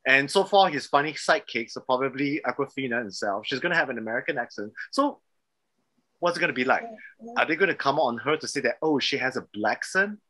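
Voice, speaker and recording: A man's voice: medium pitch, quick pace. A man with a Singaporean English accent, co-hosting a casual panel chat and laughing often. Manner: animated, laughs often, does mock accents. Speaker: panel co-host.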